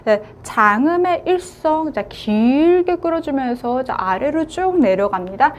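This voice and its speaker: High-voiced woman teaching a language lesson. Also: expressive. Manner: slow, drawn-out modelling of words, frequent "자".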